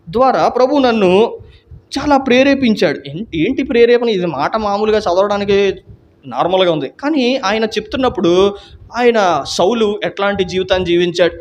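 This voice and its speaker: High-voiced man giving earnest testimony. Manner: earnest storytelling that acts out quoted dialogue; frequent restarts and hesitations. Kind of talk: personal salvation testimony.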